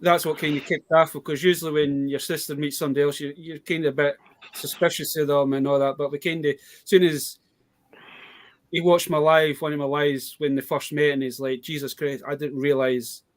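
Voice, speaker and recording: This adult toy collector, a guest with a British accent, tells rambling stories about toy deals during a relaxed live chat. He speaks a little fast, with a fairly high pitch and a steady tone.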